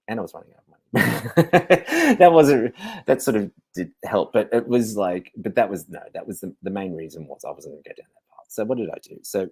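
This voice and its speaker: A man's voice: low voice, vocal fry, darkish tone, breathy edge, dry recording. A man hosting a show, giving a candid, rambling confessional monologue and swearing freely. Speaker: host.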